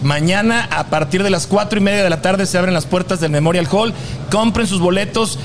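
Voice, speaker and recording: A man's voice: high-pitched, fairly quick. A man hosting a casual live event chat, welcoming guests and asking questions. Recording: noisy live venue ambience.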